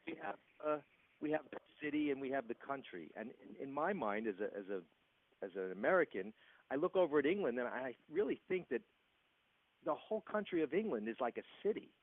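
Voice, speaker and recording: A man with a New York accent hosting a phone interview, halting with frequent restarts and a congested chest. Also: mid-range voice, animated. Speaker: interview host. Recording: tinny phone line with faint hiss.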